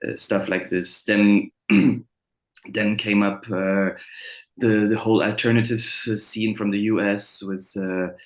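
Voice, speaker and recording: A fairly low-voiced man who grew up between France and Germany talks through a casual interview in English that is not his first language. He pauses often, filling gaps with "uh" and restarting phrases. The room around him rings with a noticeable echo. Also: flat delivery. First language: French or German. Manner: hesitant, many fillers and restarts. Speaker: musician guest. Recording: roomy echo.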